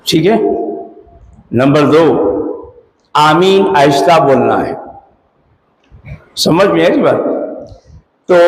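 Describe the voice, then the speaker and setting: A man's voice: on the high side, a little hiss or hum. A man with a Hyderabadi Urdu accent giving a religious lecture on Islamic law in a mosque, talking conversationally and quizzing his listeners. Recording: echoey hall.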